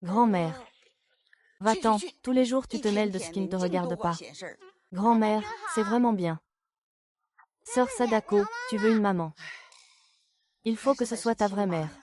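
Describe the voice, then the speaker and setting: A woman's voice: mid-range voice, unhurried, pauses often, natural voice. A woman dubbing dialogue for a family drama with an emotional delivery. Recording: loud crowd noise behind.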